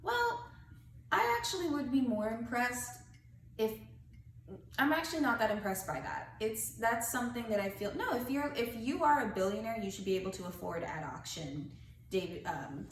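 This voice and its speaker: A lively woman in casual conversation, laughing easily and talking with quick enthusiasm. She sits back from the microphone in a roomy space, a faint hiss underneath. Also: a little high. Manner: animated, laughs often, playful put-on sultry whisper. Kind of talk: casual chat. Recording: roomy, distant mic, faint noise.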